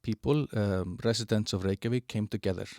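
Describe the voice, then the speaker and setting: A man giving a halting walkthrough of an online platform, with many fillers and restarts. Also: fairly low pitch, darkish tone, no echo, studio quality. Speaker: presenter of a digital platform. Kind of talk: screen-share product walkthrough.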